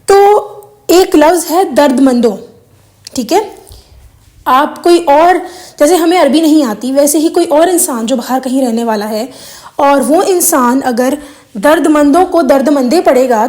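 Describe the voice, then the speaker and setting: A woman's voice: high voice, a little mellow. A woman whose first language is Urdu, talking earnestly to her viewers about correct prayer recitation, explaining with examples and slipping in English phrases. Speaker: religious video host. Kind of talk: casual religious talk to viewers.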